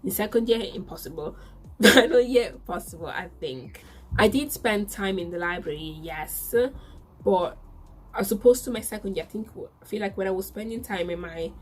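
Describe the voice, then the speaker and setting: Speaking at medium pitch and normal speed, a twenty-something Italian vlogger tells a laid-back, repetitive story to camera in her Italian accent. There's slight background noise, and the recording quality is low.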